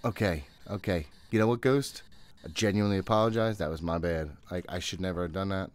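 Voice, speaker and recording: A man in his thirties with a deep voice speaks briskly as he streams a horror game from a small home room. He mutters to himself in a casual, jittery, exasperated way, swearing frequently. Sound comes through a desk microphone, and he has a headset on.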